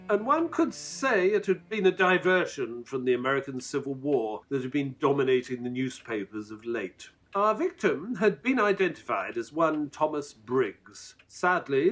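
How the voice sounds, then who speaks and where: Earnest Watson, animated storyteller. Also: male voice, mid-range voice. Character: earnest, courteous Victorian male doctor narrating his friend's case. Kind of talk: audio drama narration and dialogue.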